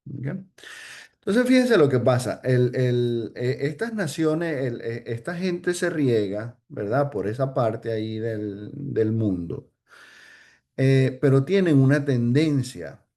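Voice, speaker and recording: Slow, halting man teaching Bible study. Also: medium pitch, a little mellow. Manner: hesitant, many fillers and restarts, checks in with "ok?". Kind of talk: informal Bible study talk.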